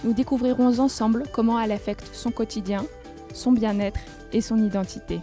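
A woman hosting a food podcast, reading her intro and asking interview questions in a measured, clearly articulated way. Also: a little high, fairly even intonation, warm tone, faint music behind. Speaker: podcast host.

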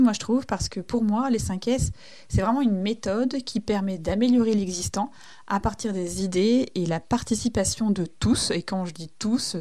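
A woman's voice: mid-range voice, darkish tone. A woman hosting a podcast, explaining a method in a friendly, chatty way with frequent fillers and restarts. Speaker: podcast host.

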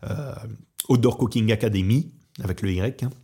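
Un homme originaire de Belgique qui parle de son projet de barbecue dans un podcast décontracté, avec beaucoup d'hésitations et de « euh ». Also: male voice, lowish voice, normal speed, warm tone, husky. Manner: hesitant, many fillers and restarts. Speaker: podcast host and barbecue trainer. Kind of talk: casual podcast talk. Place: Portugal.

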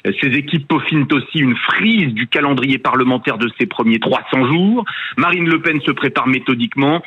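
A boxed-in, tinny remote line carries a Frenchman's voice, dull and lo-fi, with a slightly husky edge. He speaks with a French accent from France at a lowish pitch, delivering political commentary as a radio editor. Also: moderate pace. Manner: boxed-in, muffled sound as if speaking inside a tin can. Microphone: remote call connection.

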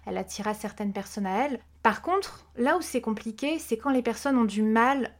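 Thoughtful vocal coach, a woman, fairly high voice. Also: fairly quick. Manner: thoughtful, explanatory, with frequent hesitations. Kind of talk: relaxed interview conversation. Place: podcast recording.

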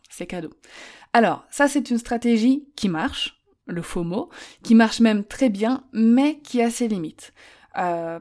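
A woman's voice: mid-range voice, warm tone. A woman hosting a solo podcast, giving marketing advice directly to the listener in a casual, informal way with frequent fillers. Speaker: podcast host.

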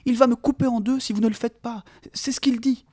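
A man voicing a terrified young male hobbit who pleads in a shrill, panicked way. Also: steady tone, a little fast, darkish tone.

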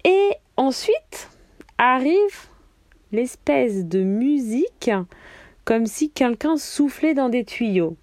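A woman's voice: high-pitched, sing-song, takes it slowly, a little mellow, no room sound. A woman leaving a rambling, self-deprecating voice message for a podcast, laughing at herself. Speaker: listener sending a voice message. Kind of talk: casual voice message.

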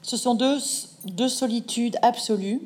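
A middle-aged woman novelist answering interview questions in a thoughtful, measured way, with hesitant restarts. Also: fairly high pitch, a little mellow. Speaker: novelist guest.

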